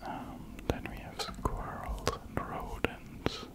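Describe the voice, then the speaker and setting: A man in his thirties speaking in a close-up, hushed wildlife watching whisper, reading aloud and commenting unhurriedly in an ASMR style. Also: slow pace. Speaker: ASMR host. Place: indoors at a computer.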